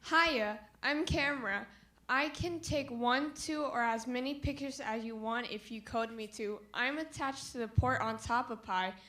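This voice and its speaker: A woman's voice: a little high, measured pace, pushed and bright. A young woman doing an upbeat camera gadget. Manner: upbeat, addressing an audience. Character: friendly female camera gadget. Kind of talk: student stage skit.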